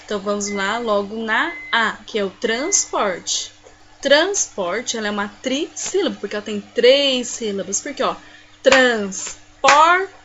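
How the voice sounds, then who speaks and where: A Brazilian woman teacher giving a recorded lesson to young pupils, pronouncing example words slowly syllable by syllable. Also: on the high side, lively intonation, lo-fi sound, noisy background. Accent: Brazilian Portuguese. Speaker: primary school teacher.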